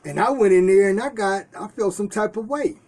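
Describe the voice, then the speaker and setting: A man's voice: high-pitched, brisk, a little mellow. A man from Detroit who owns a store, talking earnestly to his own camera from inside the shop and often repeating and restarting phrases. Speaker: store owner. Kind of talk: casual talk to camera. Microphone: self-filmed camera.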